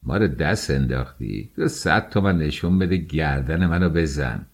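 A man's voice: extremely low pitch, expressive, voice pushed down, exaggerated voice. A man voicing a sly, doubting male friend in an audiobook, speaking in a mocking, suspicious way.

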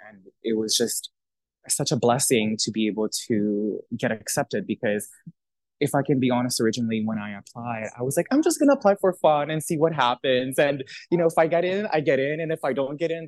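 Speaking briskly in a mid-range voice on a dry recording, a young social worker from Italy chats casually as a podcast guest. He sounds thoughtful, with lots of fillers and restarts.

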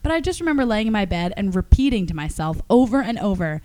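A woman in her mid-twenties co-hosting a podcast with a chatty, wry manner. She throws in quick joking asides while she talks about her week. Her voice sits at an ordinary pitch for a woman. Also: big pitch swings, dark tone. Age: 20s. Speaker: podcast co-host. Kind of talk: casual chat.

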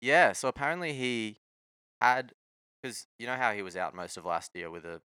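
Bright-voiced man. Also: mid-range voice, lively intonation, normal speed, clear, resonant tone, no room sound, clean studio sound. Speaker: sports talk co-host. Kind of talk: casual sports chat.

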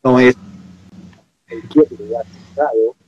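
A man's voice: medium pitch, steady tone, slow, a little mellow, highs cut off. A man explaining guitar pickups casually and patiently, his audio glitching and cutting out over a video call. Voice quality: husky. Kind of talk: casual online chat.

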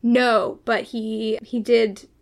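A young woman with a somewhat high voice co-hosts a podcast and tells a personal story in loose, animated chat. She swears casually and talks as if to a friend. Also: very slow, gravelly. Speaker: podcast co-host.

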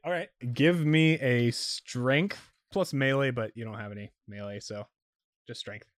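A man narrating as game master, halting and filler-heavy. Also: medium pitch, no room sound, clean studio sound. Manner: halting, full of fillers and "kinda".

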